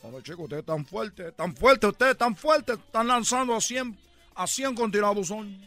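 A man voicing a boastful Cuban baseball player with a Cuban accent in a comedic radio bit, loud and rambling, repeating himself. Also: high voice, animated, moderate pace, dry recording, soft background music, full character voice. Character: boastful Cuban ballplayer, adult man, brash joker.

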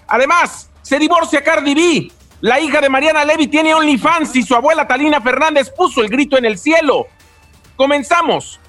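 A man reading entertainment headlines crisply. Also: very high voice, moderate pace, a bit bright, faint music behind. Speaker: entertainment news presenter.

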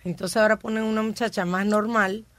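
A man's voice: high voice, fairly even intonation, a little fast, a bit bright, no echo. A man co-hosting a radio chat who keeps chiming in to agree with the others. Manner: agreeing interjections.

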